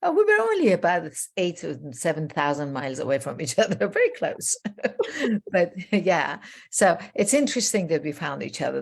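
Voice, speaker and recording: Low gravelly woman originally from Iran. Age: older. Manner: warm, effusive, rambling with many fillers. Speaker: host, transformational coach. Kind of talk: casual interview chat.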